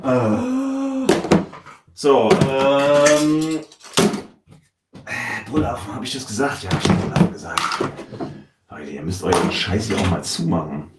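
A man's voice: mid-range voice, unhurried, long pauses. A man chatting casually while playing a game, rambling, muttering to himself and swearing now and then. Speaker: let's play commentator. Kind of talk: casual gameplay commentary. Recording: roomy, distant mic, noisy background.

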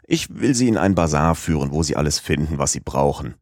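A shrewd male police agent, as a man reads him, in a low, dry voice. He coaxes and probes with a steady, patient tone in a storybook reading. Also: fairly quick, dry recording. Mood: probing. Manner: coaxing, probing questions.

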